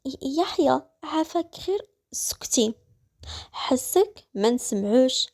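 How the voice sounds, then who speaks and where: A woman's voice: very high-pitched, sing-song, normal speed, darkish tone, voice pushed up. A woman with a Moroccan accent voicing a frightened, tearful young wife who pleads. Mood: pleading.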